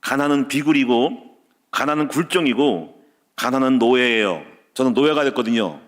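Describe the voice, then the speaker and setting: A man preaching a sermon as pastor, stacking short repeated clauses and telling personal stories, with loud peaks and quiet dropped endings. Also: medium pitch, moderate pace. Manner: tells personal stories with laughter. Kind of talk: Wednesday service sermon.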